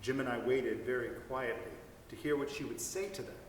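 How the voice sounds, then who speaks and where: A man giving an expressive dramatic reading of a story. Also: mid-range voice, brisk, slight background noise. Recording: echoey hall, mic at a distance.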